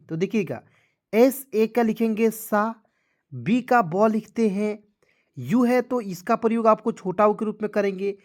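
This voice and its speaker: A man teaching an online spelling lesson, going through each step patiently and repeating it often. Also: sits high.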